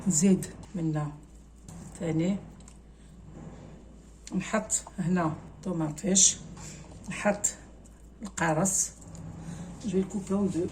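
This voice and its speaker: A woman's voice: fairly low pitch, fairly even intonation, slow pace, long pauses, darkish tone, slight background noise. A woman with an Algerian accent, casually talking viewers through a cooking recipe step by step and slipping French words into her speech. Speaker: cooking channel host.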